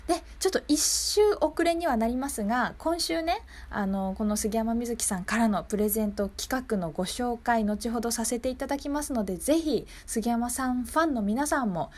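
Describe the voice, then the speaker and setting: Her fairly high voice is a little mellow, moving at normal speed with few pauses, as she hosts a local radio show from the studio. Polite and conversational, she often asks her listeners to agree with her.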